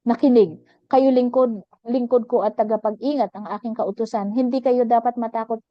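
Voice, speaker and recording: A woman's voice: fairly high pitch, fairly even intonation, normal speed, no echo, dull audio. A woman pastor from the Philippines preaching at a Bible study, giving fervent testimony and quoting her own prayers to God.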